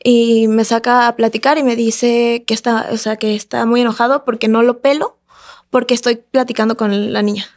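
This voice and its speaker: A woman, a podcast guest telling a personal story in a casual, animated way and acting out the voices of the people in it. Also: on the high side, moderate pace. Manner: animated, acts out the voices of others in her story.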